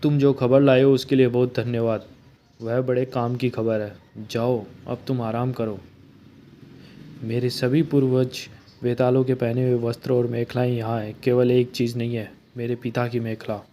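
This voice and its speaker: A man reading a comic book aloud, covering the narration and every character himself. His delivery stays flat and even, with a dark, mellow tone, and he barely changes his voice from one character to the next. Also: medium pitch, normal speed.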